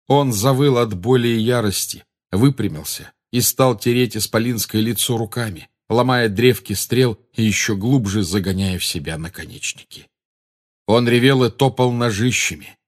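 A man with a somewhat low voice reads a novel aloud. His scripted narration is steady and dramatic. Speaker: audiobook narrator.

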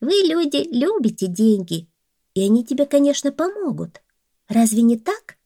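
Woman voicing a little mouse for a folk tale, high and chirpy, dry. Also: very animated, normal speed, warm tone, no room sound. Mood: eager. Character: tiny squeaky female mouse, eager to help.

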